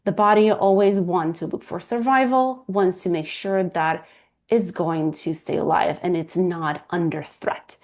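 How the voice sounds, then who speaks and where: This guest is a fertility coach, a Romanian woman in her thirties whose lowish voice carries a Romanian accent and moves a little slowly. Earnest in a casual interview, she keeps restarting as she looks for words.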